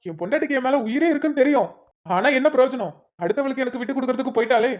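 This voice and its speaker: A woman's voice: high voice, racing, natural voice. A woman voicing a flustered young man who yelps and pleads in a cartoon. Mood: pleading. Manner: whiny, yelping and pleading. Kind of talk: Tamil cartoon voice acting. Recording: muffled lo-fi recording.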